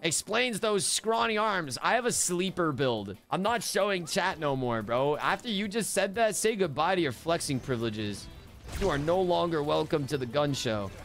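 A man streaming a game, chatting to teammates and chat in an excitable, joking way and swearing often. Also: a little high, moderate pace. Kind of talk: casual live-stream gameplay chat. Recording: game music clearly behind the voice.

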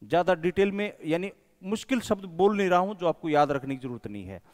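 A male coaching teacher gives a whiteboard lesson, patiently drilling sounds one by one and addressing his viewers as friends. His voice sits high and he's animated and brisk, recorded in an echoey room with long reverb.

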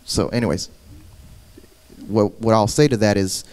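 Earnest man with a smooth, low voice. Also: measured pace, a little mellow. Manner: earnest, with restarts and repeated words. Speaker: panel guest. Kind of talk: personal testimony about marriage.

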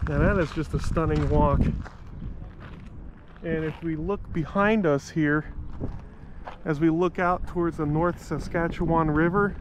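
Outdoors amid background noise, a travel vlogger narrates a walking tour of a city park, correcting himself as he rambles along enthusiastically. His voice is on the high side and steady in tone, and he speaks at a measured pace with frequent pauses.

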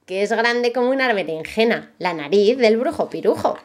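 Cheeky clever little girl voiced by a woman, patient and teasing, sing-song rhymes, lively pitch. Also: normal speed, natural voice.

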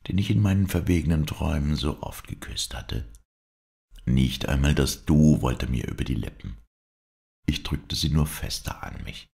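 A man narrating a classic story as an audiobook in a measured, dramatic way. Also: very deep voice, creaky, darkish tone. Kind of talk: scripted first-person narration of a classic story.

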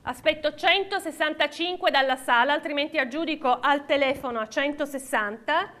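High-pitched woman auctioneer calling bids. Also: normal speed, sharp tone. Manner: auctioneer's chant, repeating bids and counting down. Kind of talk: live auctioneering of classic cars. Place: large auction hall with seated audience.

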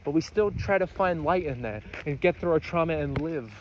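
A man's voice: a little high, animated, moderate pace, highs cut off, slight background noise. A man rambling through a casual, profane monologue while walking outdoors on roads. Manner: rambling, profane, self-mocking. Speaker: vlogger.

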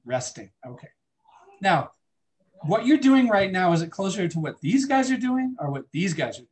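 A man's voice: high voice, very animated, moderate pace, darkish tone. A man teaching a biology lecture in a classroom, chatting with the class and asking students questions. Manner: conversational, asks the class questions.

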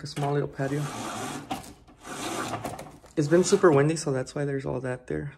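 Guy in his 20s vlogging on his phone at home, gravelly voice, kinda flat, lots of likes and ums. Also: on the high side. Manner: loose and chatty, full of fillers. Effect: recorded on a phone camera. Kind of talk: casual house tour vlog. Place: indoors at home. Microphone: phone held in hand.

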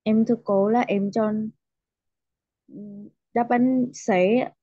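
A woman's voice: a little high, steady tone, takes it slowly, dry recording. A female student politely answering and explaining her reasoning in an online class. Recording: dull dry call audio.

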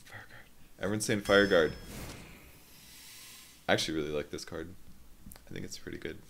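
A man's voice: low-pitched, gravelly, background noise. A man casually commenting on his own card game play as a streamer, self-deprecating and swearing freely.

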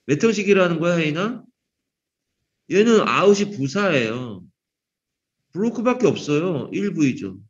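A man's voice: a little high, very animated, moderate pace, pauses often. A man teaching an English grammar class to middle school students, quizzing them by name and teasing them with jokes. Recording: dull lo-fi sound.

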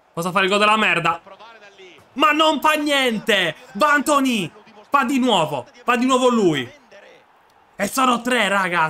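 A young man with a dry, sore throat, commentating on his own football video game match, muttering one moment and shouting the next. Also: a little high. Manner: swings from muttering to shouting at goals. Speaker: gaming video creator.

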